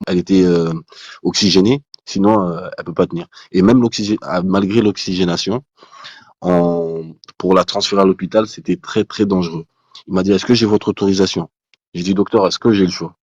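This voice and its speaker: A man telling a personal testimony as a guest, in casual spoken storytelling, animated, with many restarts, acting out the dialogue he quotes. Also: deep voice, fairly quick, breathy edge, dry recording, lo-fi sound.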